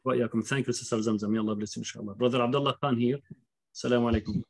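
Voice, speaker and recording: A courteous Quran recitation teacher hosts a graduation from his home study, speaking informally over a video call through his computer microphone. His mid-range voice is steady in tone but creaky, and his speech comes out halting.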